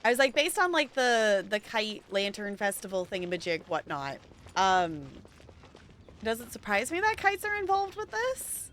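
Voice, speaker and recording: Girl gamer chatting along as she plays, bright lively up and down voice, giggly, bit of background noise. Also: mid-range voice, moderate pace. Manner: chatty, giggly, thinks aloud. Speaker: game streamer. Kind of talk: casual live game commentary.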